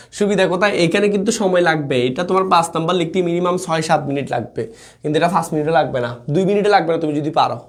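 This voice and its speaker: A young man with a fairly high-pitched voice runs a live online exam-prep class in a relaxed, chatty style. He reads student comments aloud and keeps checking in with his students.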